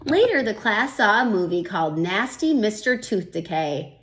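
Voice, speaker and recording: A woman reads a children's picture book aloud with gentle, expressive storybook delivery, pausing like a teacher to think aloud and explain her reasoning. Her voice is medium-pitched at a normal speed, with slight background noise.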